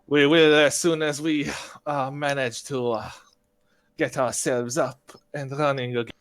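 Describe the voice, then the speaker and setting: A man playing a tabletop role-playing game, speaking in a halting, polite, diplomatic way with many pauses. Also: mid-range voice, level tone, fairly bright tone, clean tone. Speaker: player. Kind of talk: in-character tabletop role-play.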